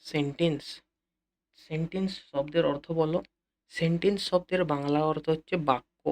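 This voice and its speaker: A man teaching an English lesson in a Bengali accent, repeating key phrases slowly and speaking directly to his students. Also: on the high side, fairly even intonation. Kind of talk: classroom-style lesson explanation.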